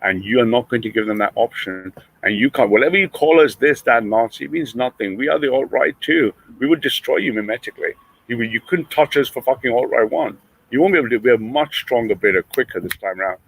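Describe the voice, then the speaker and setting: A man's voice: medium pitch, brisk, vocal fry, slightly rough, rough recording. Emphatic man, reaction chat. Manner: emphatic, animated, mimics voices in quotes. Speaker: co-host.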